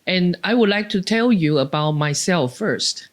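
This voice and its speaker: A woman from Taiwan speaking English with a Taiwanese accent, answering interview questions haltingly and with frequent restarts. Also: lowish voice, animated. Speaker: professor, podcast guest.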